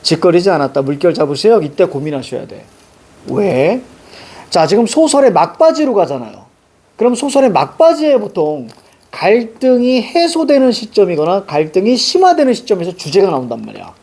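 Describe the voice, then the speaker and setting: Husky male teacher explaining a text. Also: high voice, sing-song, normal speed, darkish tone. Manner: explains and marks up the text, asks rhetorical questions. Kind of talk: literature lecture.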